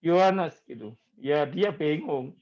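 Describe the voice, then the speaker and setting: A male pastor, preaching in a slow, conversational way and mixing in words. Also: fairly high pitch, lively intonation, muffled recording. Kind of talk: sermon.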